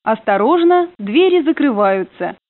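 A woman's voice comes over a train intercom, rather high and lively in its rise and fall. The sound is narrow and phone-like, with no room around it. She announces stops and door warnings in a polite, formal way. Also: measured pace, dry recording. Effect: played over a train intercom. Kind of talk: prerecorded transit announcements.

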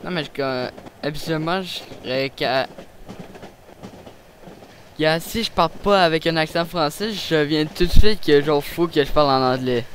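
A man's voice: fairly high pitch, normal speed, slight background noise. A young man with a Quebec French accent, chatting casually and crudely with a friend as he plays a game. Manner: crude, slangy. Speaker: gamer recording a horror game playthrough. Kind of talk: casual gaming banter with a friend. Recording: game music behind the voice.

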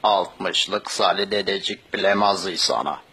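A man's voice: low-pitched, a little slow, background noise. A man voicing a bitter, foul-mouthed village father with a Thracian Turkish accent, curt and contemptuous in a cartoon-style comic dub. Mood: scornful.

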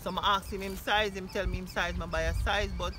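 A woman's voice: mid-range voice, steady tone, fast talker, over music, low-quality recording. A woman with a Jamaican accent answering interview questions outdoors in an earnest, proud way. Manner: earnest and proud, lists things plainly. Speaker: guest and local donor. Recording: loud outdoor noise.

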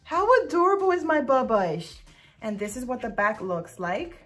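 Her voice sits a little high and sounds a bit bright and very animated as she talks at a normal speed over faint music. She's a young woman chatting casually in a vlog about dog clothes, gushing and cooing at times as she reviews them.

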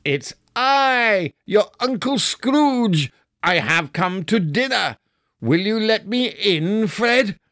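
Brief: man playing a giddy old miser turned generous, raised lifted voice, slow and dry. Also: sits high, animated, a bit bright, dry recording, pitched above the performer's own voice, full character voice. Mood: eager, effusive. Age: older. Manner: eager, effusive, generous.

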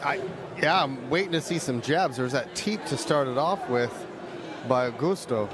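A man's voice: mid-range voice, expressive, moderate pace. A man giving conversational technical analysis as a co-commentator at a live fight. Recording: crowd and venue noise behind. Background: arena crowd.

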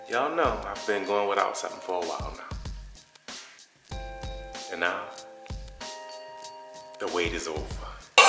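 A man talking casually to his vlog audience in an animated, hyped way, cheering and laughing. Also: sits low, gravelly. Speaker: vlogger husband. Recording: roomy sound with loud music bed.

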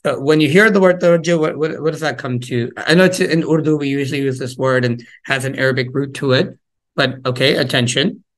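Speaking from home over a video call, a man runs an interactive parenting workshop in a brisk, conversational, searching way, full of fillers, repeated words and restarts. He puts questions to his listeners and builds on their answers. His ordinary mid-pitched voice comes through a laptop mic.

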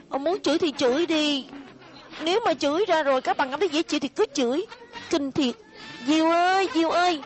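Mischievous schoolchildren from a cartoon dub, chattering excitedly and cheekily, as a woman voices them. The voice is high and bright in pitch. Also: close to an everyday voice.

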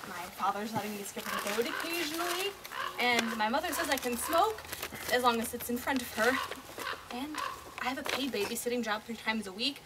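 A woman's voice: fairly high pitch, animated, a little fast, natural voice. A woman playing an anxious teenage girl babysitter, confiding in the audience and calling out to the children she watches. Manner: confiding, breathless, and calls out loudly to children. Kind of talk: stage play with monologue to the audience. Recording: loud background noise.

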